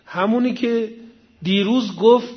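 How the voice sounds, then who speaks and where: A man preaching a Quran commentary, telling the story with animated voices and reciting Arabic verses slowly. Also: sits high. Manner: animated storytelling, acts out quoted pleas. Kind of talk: Quranic exegesis lecture. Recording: dull lo-fi recording.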